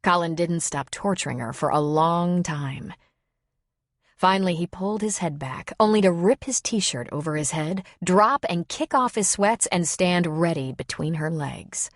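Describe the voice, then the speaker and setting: A woman with a lowish voice reads an audiobook in a brisk, even manner. The sound is dry and close, with no room around it. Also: no room sound. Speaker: audiobook narrator. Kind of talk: scripted narration.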